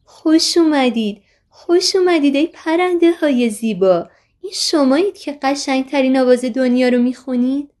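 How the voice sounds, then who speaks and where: A woman's voice: a little high, voice pushed up, natural voice. A woman voicing an eager, cheerful little boy in a children's story. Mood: excited. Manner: excited, wondering calls.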